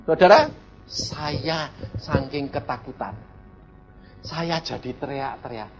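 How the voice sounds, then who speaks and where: An older man of about eighty from Central Java, preaching an anecdotal sermon as an evangelist in a lively, chuckling way. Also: on the high side, slow, lo-fi sound, loud music behind the voice. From Central Java, Indonesia. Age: around 80. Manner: animated, chuckling anecdotal delivery, addresses listeners as brothers. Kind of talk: storytelling sermon.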